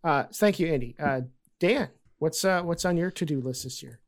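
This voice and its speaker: A man's voice: on the high side, moderate pace. A man hosting a podcast, explaining things in a casual conversational way. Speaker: podcast host.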